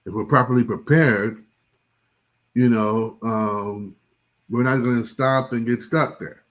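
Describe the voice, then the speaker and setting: A man teaching a Bible study in an impassioned preaching style, repeating phrases, stumbling over restarts and often checking in with "right?". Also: mid-range voice.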